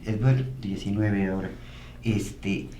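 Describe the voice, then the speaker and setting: A man's voice: fairly low pitch, unhurried, dark tone. A man on a political panel, telling anecdotes hesitantly with many restarts. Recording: roomy echo with faint noise.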